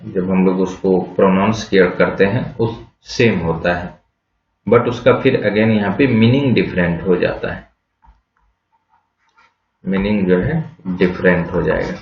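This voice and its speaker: A man teaching English vocabulary in a slow classroom explanation, spelling words out letter by letter and asking rhetorical questions before answering them. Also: fairly low pitch. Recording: echoey, dull lo-fi room sound.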